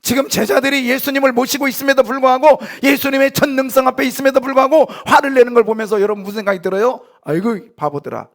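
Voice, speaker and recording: A man preaching a sermon in a church, lively, asking the congregation questions and answering them himself, now and then acting out short lines. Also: very high voice, rapid-fire, few pauses. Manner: acts out short quoted lines in sharp voices. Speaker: pastor. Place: church sanctuary.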